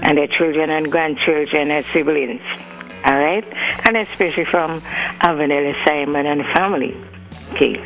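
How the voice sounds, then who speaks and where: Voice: medium pitch, fairly even intonation, moderate pace, creaky, a bit bright, faint music behind. Antiguan caller on a clipped phone line. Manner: rambling, strings names with frequent "you know". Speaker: radio call-in caller. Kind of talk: birthday shout-outs on a call-in show. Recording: faint humming phone line.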